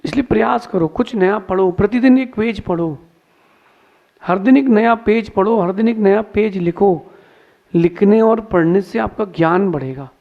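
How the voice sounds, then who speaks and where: A man's voice: high voice, gravelly. A man, a monk preacher, giving a sermon in a folksy, moralizing storytelling manner. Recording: slightly dull lo-fi sound.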